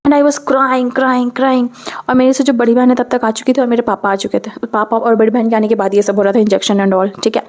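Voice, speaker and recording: High-voiced chatty young woman storyteller. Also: fairly quick. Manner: chatty, mixes in English phrases, keeps saying "okay"; animated, with sudden pitch jumps. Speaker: storytime vlogger. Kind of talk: casual storytelling.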